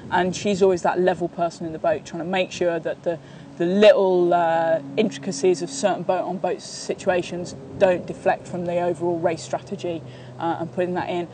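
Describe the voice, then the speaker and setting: A woman's voice: on the low side, level tone, brisk, dark tone, slight background noise. A woman in her thirties, a sailing coach, answering interview questions outdoors in a sunny park, talking steadily with many fillers and restarts. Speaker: sailing coach and training partner.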